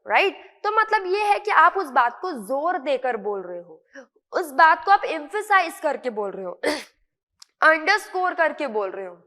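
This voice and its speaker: A woman's voice: high voice, very animated, unhurried, sharp tone, big-room sound. A woman with an Indian accent teaching English vocabulary in an online lesson, repeating words and checking in with her students often.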